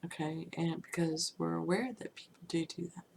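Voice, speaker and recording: A woman's voice: low voice, steady tone, moderate pace, gravelly, darkish tone, slight background noise, poor audio. A woman teaching manifestation through casual, chatty storytelling, often saying "you know" and laughing lightly.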